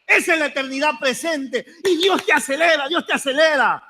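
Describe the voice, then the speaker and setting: A man's voice: very high-pitched, brisk, slight background noise. A man preaching a sermon to his congregation as apostle, fervent, joking at times and calling on listeners to repeat his phrases. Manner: jokes and rises to shouts at times.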